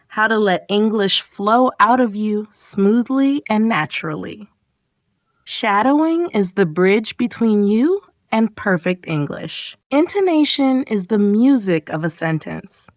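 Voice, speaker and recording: A woman narrates an English speaking lesson in a measured, encouraging way. Her voice sits at an ordinary pitch for a woman. It is recorded close and dry, like a studio voice-over. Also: no echo. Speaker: English teacher. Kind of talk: scripted motivational narration.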